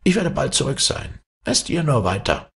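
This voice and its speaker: A man's voice: mid-range voice, big pitch swings, moderate pace, a bit bright, slightly rough, voice pushed up, full character voice. A man reading a storybook, voicing a cunning, boastful trickster who mocks his foes. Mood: sly. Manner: mocking, gleeful taunting.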